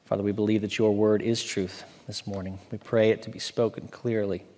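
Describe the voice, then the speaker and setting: Man, 40s, associate pastor, measured scripture reading and sermon, church hall reverb. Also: fairly low pitch, flat delivery, a little mellow. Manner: measured, reads aloud slowly from an open Bible. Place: church stage, large indoor hall.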